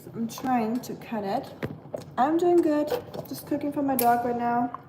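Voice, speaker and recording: Livestreaming from her home kitchen, a young German-accented vlogger chats casually while cooking and reading live comments aloud. Her high-pitched voice moves at a measured pace, friendly and full of fillers as she works. Pots and pans clatter in the echoey room, adding background noise.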